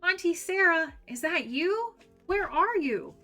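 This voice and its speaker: A woman's voice: sits high, expressive, moderate pace, sharp tone, soft background music, voice pushed up. A woman voicing a curious, brave young girl doll in a storybook reading who calls out eagerly.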